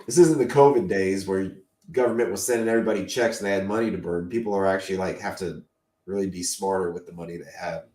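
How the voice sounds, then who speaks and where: A man's voice: low voice, fairly even intonation, quick pace, a little mellow, echoey room. A man co-hosting a casual chat, talking about what he collects in an enthusiastic, opinionated way, and he is losing his voice. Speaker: podcast co-host.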